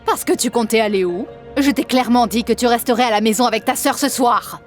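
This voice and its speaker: A woman's voice: fairly high pitch, fairly quick, soft background music, close to an everyday voice. Woman voicing a stern scolding mother. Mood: reproachful. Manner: stern, reproachful. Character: stern scolding mother, favors younger daughter.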